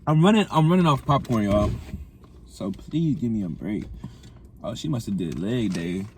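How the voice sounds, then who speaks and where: A man's voice: on the low side, animated, normal speed, a little mellow, slight background noise. A man vlogging a food challenge in casual, slangy chat, laughing often.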